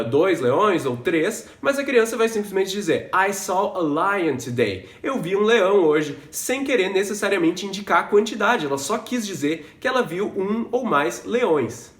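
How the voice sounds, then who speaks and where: A man with a fairly high voice explains English grammar in a relaxed, chatty way, slowing right down whenever he models an English word. He is a Portuguese speaker teaching learners of English. The recording has a noticeable roomy echo. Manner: explains patiently, slows down to model English words. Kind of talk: casual explanatory lesson.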